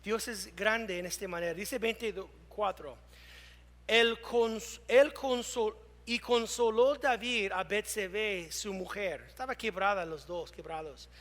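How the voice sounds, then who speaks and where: High bright voice, guy preaching a sermon, reads scripture slow, gets loud then goes hushed, echoey church hall. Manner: preaching with emphatic swings between loud and hushed; reads scripture aloud slowly. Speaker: pastor.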